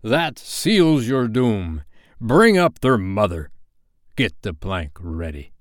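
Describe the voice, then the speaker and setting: A menacing pirate captain, drawling very slowly through each gloating threat. He is theatrical and commanding, a classic storybook villain with a dry, close sound. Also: lowish voice, big pitch swings, no echo. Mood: roaring. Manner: slow, drawn-out, roaring or syrupy menace.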